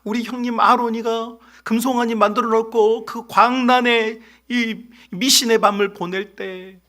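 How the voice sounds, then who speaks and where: A middle-aged man preaching a sermon as pastor, telling a story with lively acted-out voices. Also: very high-pitched, a little slow. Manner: animated storytelling, acts out voices. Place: church sanctuary.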